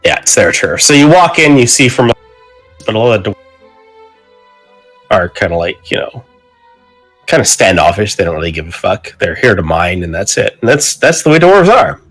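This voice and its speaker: A Canadian man runs a tabletop game, slipping between casual chat and scene narration. He laughs often, swears freely and trips over quick restarts. Faint music sits behind his voice. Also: fairly low pitch, big pitch swings, a bit bright, breathy edge. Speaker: game master.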